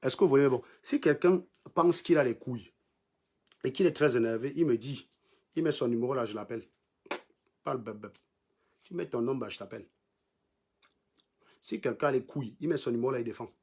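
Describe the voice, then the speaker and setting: A man with a Cameroonian French accent runs a live stream and goes after his commenters with scorn. His voice sits at a middle pitch, and he hammers his points by saying them over again in a combative, mocking tone. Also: fairly quick, long pauses, a little mellow, husky. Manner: mocking, combative, repeats lines for emphasis. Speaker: livestream host. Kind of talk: insulting live-stream rant.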